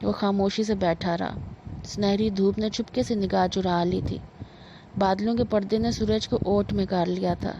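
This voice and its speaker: A woman reading a novel aloud in a measured storytelling manner. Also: mid-range voice, fairly even intonation. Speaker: narrator. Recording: dull lo-fi with faint noise.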